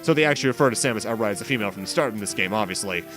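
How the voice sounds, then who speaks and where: Rapid-fire and lively in intonation, a man with a lowish voice narrates his video game playthrough series. He wanders off on tangents and interrupts himself, while the game's music runs underneath.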